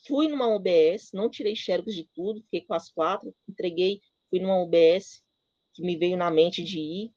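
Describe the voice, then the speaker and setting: A middle-aged woman tells a personal story of faith at church, her speech full of emotion and broken up by fillers and restarts. Her voice sits at an ordinary pitch for a woman. The sound is dry and somewhat dull. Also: dark tone, dry recording. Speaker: church speaker giving testimony. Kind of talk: personal testimony in a church talk.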